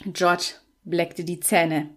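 A woman reads a fantasy tale aloud at a slow, unhurried pace. Her delivery is measured and steady, in the way of a scripted audiobook narration. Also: on the low side, slightly rough.

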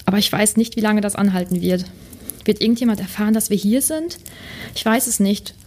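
A woman's voice: medium pitch, brisk, a little mellow, close to an everyday voice. A woman voicing a nervous young wizard boy while reading a translated story aloud. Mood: worried.

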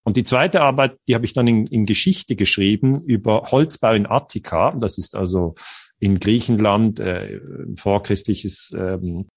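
A low-voiced, husky man from Switzerland. He tells personal stories as an interview guest in an earnest, reflective way and often hesitates as he searches for words. The sound is close and dry. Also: measured pace, dry recording.

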